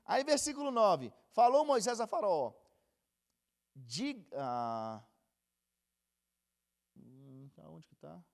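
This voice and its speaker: A man's voice: sits high, animated, slow, gravelly, pauses often. A man with a Brazilian Portuguese accent teaching a casual Bible class, chatty and joking as he goes. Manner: chatty, jokes and laughs while teaching.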